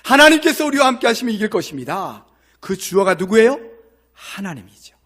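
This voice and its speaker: Korean pastor guy, fairly high voice, reads scripture slow then asks the church questions. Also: big pitch swings, fairly bright tone. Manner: slow, measured scripture reading, then explaining with questions to the congregation. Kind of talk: sermon with scripture reading. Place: church sanctuary.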